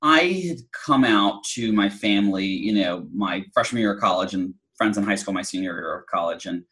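A man's voice: lowish voice, normal speed, fairly bright tone, rough recording. A middle-aged man telling a personal story in an interview, chatty, with many fillers and restarts. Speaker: guest.

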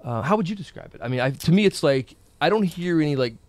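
A man's voice: fairly high pitch, fast talker, no echo. A man hosting an interview, casual and playful, joking with his guest. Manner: playful, joking, lively questioning. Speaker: host.

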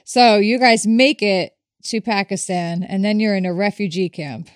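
A woman interviewing a guest, reacting with short exclamations and calmly summing up his story. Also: mid-range voice, moderate pace, dry recording, studio quality. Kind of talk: conversational interview.

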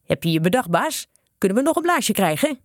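A woman's voice: mid-range voice, expressive, normal speed, creaky, breathy edge, dry recording, clean studio sound, pitched above the performer's own voice. A woman voicing a cheeky, giggling prankster schoolboy in a read-aloud children's story.

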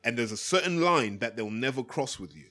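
British man, podcast host, medium pitch, casual opinions, matey, explanatory, some swearing. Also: lively intonation, a little fast, pushed and bright.

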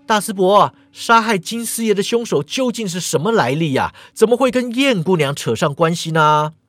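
A man's voice: on the high side, animated, moderate pace, no echo, studio quality. A man voicing a nervous young constable in a storytelling podcast, in a near-natural voice. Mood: anxious. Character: anxious young male constable.

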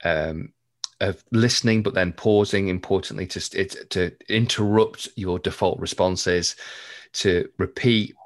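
Deep guy hosting a chat, calm and thoughtful, coachy. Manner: measured, reflective coaching tone. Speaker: podcast host. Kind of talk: conversational interview.

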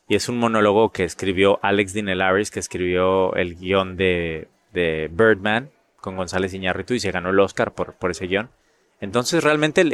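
A middle-aged man with a northern Mexican accent, talking in a casual interview. His voice sits fairly low, and he tells his stories in a lively way, often repeating a word while he searches for the next. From Monterrey, Mexico. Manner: animated, repeats words while finding them. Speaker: actor and guest.

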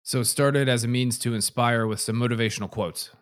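A man's voice: medium pitch, fairly even intonation, fairly quick. An American man hosting a podcast, laid-back and casual, often saying "man" and "awesome". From United States. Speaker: podcast host. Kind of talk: casual interview chat.

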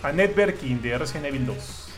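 A man, excitable and teasing, swearing often in a casual chat among friends. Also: medium pitch, brisk, loud music behind the voice. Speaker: game player. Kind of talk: casual chat while gaming.

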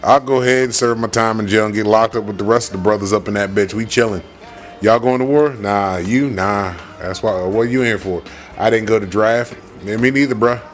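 A man's voice: on the low side, a little fast, soft background music. An American man co-hosting a podcast, talking in brash, joking, heavily profane slang. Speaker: podcast co-host. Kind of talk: casual slangy, profane banter.

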